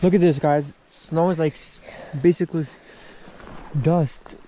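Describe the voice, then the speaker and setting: A man's voice: a little high, fairly even intonation, measured pace, warm tone, a little hiss or hum. A man vlogging a road trip, chatting casually to viewers and calling them y'all. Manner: laid-back, addresses viewers as y'all. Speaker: travel vlogger. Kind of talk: casual chat to camera. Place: outdoors on a mountain road trip and in a car.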